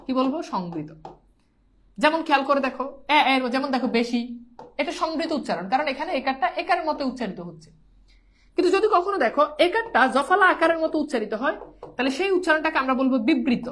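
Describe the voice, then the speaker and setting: A woman's voice: sits high, sing-song, quick pace, a bit bright, slight background noise. A woman teaching a pronunciation lesson, repeating herself and coaxing students to say whether they understand. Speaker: Bangla teacher.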